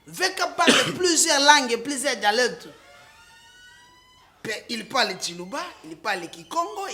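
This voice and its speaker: Congolese-accented male political guest; impassioned, emphatic, swings between French and Lingala. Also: extremely high pitch. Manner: emphatic, rising to loud outbursts, with restarts. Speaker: political guest, party supporter.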